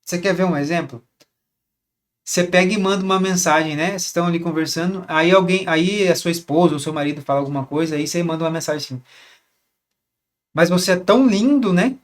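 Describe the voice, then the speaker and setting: A relationship coach with a fairly high voice explains how couples should talk to each other in a casual teaching monologue, delivered flatly and quickly. He poses rhetorical questions to listeners and often repeats a word while searching for the next.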